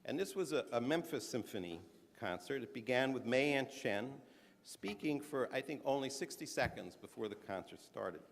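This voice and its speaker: A man giving a measured, earnest speech at a conference, stressing his points, now and then restarting a phrase. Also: medium pitch, expressive. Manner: earnest, measured, emphatic delivery with occasional restarts. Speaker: conference speaker. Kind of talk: prepared speech to an audience. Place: conference hall. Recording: large hall with long reverb.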